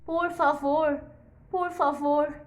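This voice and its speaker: A woman's voice: high voice, steady tone, extremely slow, a little hiss or hum, pitched above the performer's own voice. A woman voicing a spoiled, bossy little king who demands and pleads in a children's story. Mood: pleading. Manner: demanding, shouting.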